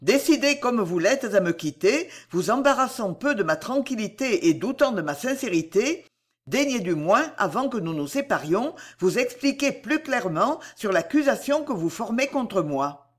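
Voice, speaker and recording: A woman voicing a proud, passionate young gentleman who pleads earnestly and declaims. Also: a little high, sing-song, moderate pace. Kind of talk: audiobook reading.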